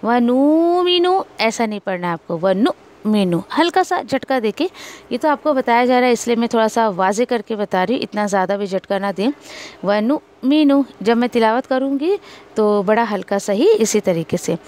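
Woman, from India, recitation teacher, slightly high voice, patient, repeats sounds slowly. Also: lively intonation, a little mellow. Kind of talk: tajweed lesson, explaining and modelling recitation.

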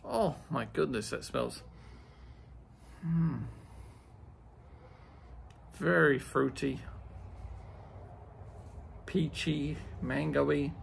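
A man's voice: fairly high pitch, very slow, creaky, long pauses, slight background noise. A man chatting casually as he reviews a beer, rambling and enthusiastic as he tastes. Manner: rambling, enthusiastic tasting remarks.

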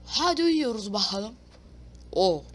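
A woman's voice: mid-range voice, very animated, takes it slowly, breathy edge. A woman giving casual let's-play commentary, talking to herself and her viewers, reading game prompts aloud and swearing playfully. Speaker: gaming YouTuber.

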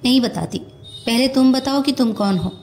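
A woman reading a storybook who voices a naive, lovesick young woman with an excitable, pleading manner. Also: fairly high pitch, moderate pace, slight background noise, lightly acted. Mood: emotional.

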